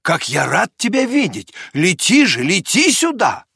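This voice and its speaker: A man's voice: high voice, huge pitch swings, slow pace, creaky, sharp tone, breathy edge, no room sound, studio quality, voice pushed up, exaggerated voice. A man voicing a kind, cheerful old doctor with eager exclamations. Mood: glad.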